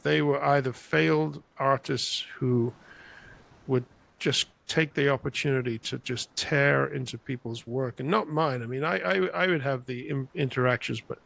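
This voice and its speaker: An older man from England who grew up in Spain, telling animated, rambling stories as an interview guest over a video call. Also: mid-range voice, creaky. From England, raised in Spain. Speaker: guest artist. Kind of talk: conversational interview storytelling. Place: home room, indoors. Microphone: large podcast mic on a video call, headphones.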